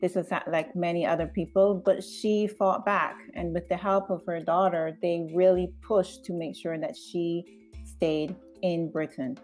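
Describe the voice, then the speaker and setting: Low-voiced woman writer from Barbados. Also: fairly even intonation, a little mellow, soft background music. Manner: thoughtful, measured, with many "uh" pauses. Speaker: screenwriter. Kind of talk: interview conversation.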